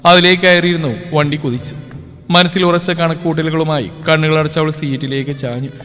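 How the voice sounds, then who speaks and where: A man's voice: a little high, fairly even intonation, a little fast, pushed and bright. Male storyteller with a reverberant sound. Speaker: narrator. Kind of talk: audio novel narration. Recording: reverberant with faint music.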